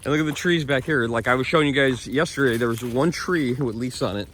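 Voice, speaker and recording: A man's voice: mid-range voice, fast, a bit bright, slight background noise. A man from New York's Hudson Valley who rambles in casual vlog chat, laughing often while he walks his dog along a wooded trail outdoors. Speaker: vlogger.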